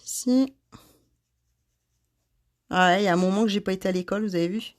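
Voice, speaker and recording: A woman's voice: mid-range voice, fairly even intonation, racing. A woman hosting a casual craft tutorial, chatting to her viewers by name and laughing at herself.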